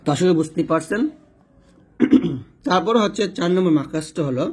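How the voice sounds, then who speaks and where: A man teaching Quran recitation step by step, slowly sounding out Arabic letters and explaining how each is pronounced while pointing at a diagram. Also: on the high side, slightly rough.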